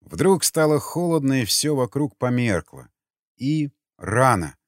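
A man narrating an audiobook in an expressive, dramatic way, close to the mic. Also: medium pitch, a little slow, no echo. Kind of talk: scripted narration.

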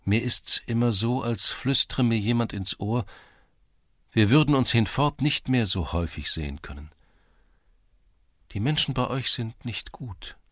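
A man voicing a shy, tender seventeen-year-old village girl in an audiobook, speaking softly and with longing. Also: mid-range voice, lively intonation, measured pace, no room sound, clean studio sound, voice pushed up. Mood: wistful. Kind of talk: audiobook character reading.

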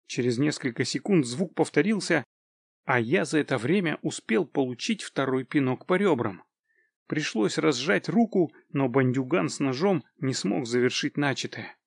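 A man narrating a first-person fantasy audiobook in a steady, measured way. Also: a little high, vocal fry, no room sound, clean studio sound.

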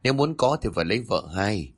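Sly older fortune-teller, smug and insinuating, voiced by a male narrator, low voice. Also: animated, quick pace, husky.

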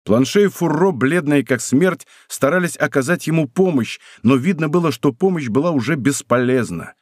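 A man reads an adventure audiobook in a measured, expressive way, his pitch moving freely and sitting a bit high. He is close to the mic in a dry studio. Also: no echo. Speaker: audiobook narrator. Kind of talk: scripted narration.

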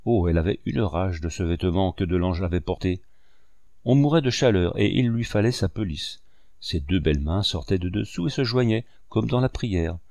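Low-voiced male audiobook narrator. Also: a little mellow, no echo, studio quality.

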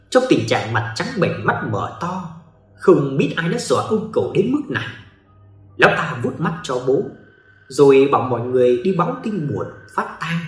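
A man narrates a ghost story in a dramatic storytelling manner. His voice is slightly high and swings widely in pitch. The recording has a roomy echo. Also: fairly bright tone.

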